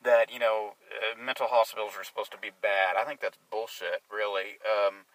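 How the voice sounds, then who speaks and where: A man's voice: on the low side, level tone, moderate pace, a bit bright, no room sound, far from the mic, low-quality recording. A man who works as a drug and alcohol counselor, talking casually and working through his thoughts as he goes, sometimes sarcastic. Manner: conversational, sarcastic at times, searching for words. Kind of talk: casual discussion.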